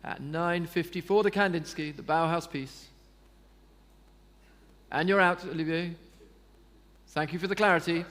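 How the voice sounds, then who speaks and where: A man's voice: fairly high pitch, a little slow, pauses often, fairly bright tone. A man auctioneer calling bids live, polite and formal as he addresses bidders by name. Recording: long hall reverb.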